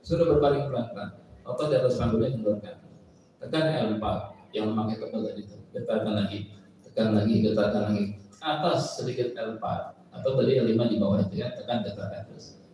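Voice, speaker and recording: A man teaching a massage training session, animated and quizzing his audience, recorded from afar in a large indoor hall. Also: fairly low pitch, a little fast, a little hiss or hum. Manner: animated, asks audience questions, acts out patients' words. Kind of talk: training lecture. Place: large indoor hall at an Islamic boarding school. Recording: echoey hall, mic far off.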